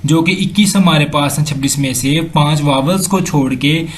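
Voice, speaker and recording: A man with a Pakistani accent teaching English grammar over slides, slowly repeating examples and mixing in English sentences. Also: fairly high pitch. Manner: slow and repetitive, drills examples aloud, mixes in English sentences. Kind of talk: slide-based lesson explanation.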